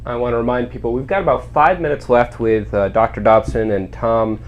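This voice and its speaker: A man hosting an informal community interview, asking rambling questions in a halting, conversational way. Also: medium pitch, fairly even intonation, highs cut off. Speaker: host.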